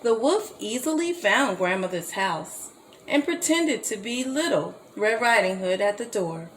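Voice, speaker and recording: A woman reading a children's story aloud as a storybook reader, slow and gently expressive. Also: mid-range voice, slight background noise, low-quality recording.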